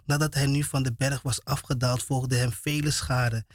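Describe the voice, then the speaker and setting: A male radio host reads scripture in a steady, level voice with little melody. He speaks hesitantly and restarts his phrases. The studio sound is close and dry. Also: mid-range voice, moderate pace, no room sound.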